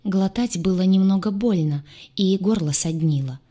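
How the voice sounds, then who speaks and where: A woman reading a novel aloud in the first person, with a wry, expressive delivery. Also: medium pitch, normal speed. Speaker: audiobook narrator. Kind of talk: first-person audiobook narration.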